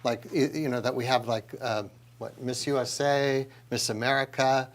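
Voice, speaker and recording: A man's voice: medium pitch, steady tone, moderate pace. A man hosting a live talk show, joking with the guest and the studio audience.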